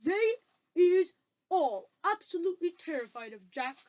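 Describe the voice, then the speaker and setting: A woman voicing a gentle, cautious male giant in a children's storybook, explaining things in quaintly muddled grammar. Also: very high-pitched, big pitch swings, unhurried, pitched above the performer's own voice, exaggerated voice. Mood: grave explaining. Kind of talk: children's storybook read-aloud.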